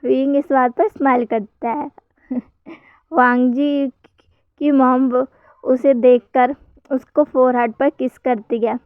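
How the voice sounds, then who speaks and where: A woman's voice: high-pitched, flat delivery, slow pace, pauses often, clean tone, no echo, phone-quality sound. A woman casually retelling a fan story to her viewers in a chatty way.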